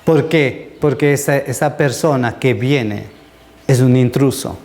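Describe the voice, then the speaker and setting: A man's voice: medium pitch, unhurried, darkish tone, a little hiss or hum. Male pastor, middle-aged, conversational sermon teacher who takes questions. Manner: conversational, answers congregation questions.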